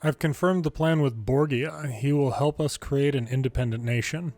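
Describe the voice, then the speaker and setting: Game music runs under this man as he reads story text aloud and offers casual commentary, much like an amateur longplay narrator. His voice is medium-pitched and slightly mellow, he speaks at a moderate pace, and the recording is dry.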